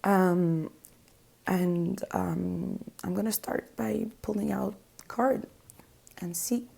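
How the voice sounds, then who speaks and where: A tarot reader, a young woman whose native language is French, speaks with a French accent in a medium-pitched, level, gravelly, slightly rough voice at a slow pace. She is soft and hesitant, often dropping to a whisper while hunting for words.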